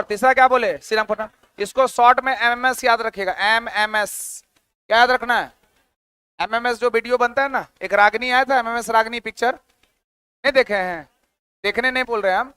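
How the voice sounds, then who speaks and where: High bright-voiced male teacher drilling answers. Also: clear, resonant tone, no room sound. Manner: drills answers by asking and repeating them. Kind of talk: exam-prep history lecture.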